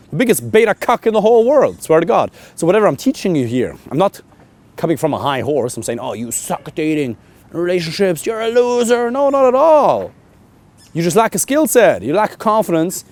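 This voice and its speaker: A man in his thirties coaching men on dating, blunt and animated, swearing casually and pushing hard on his key points. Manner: animated and emphatic, swings loud and high on key points. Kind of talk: coaching monologue to camera.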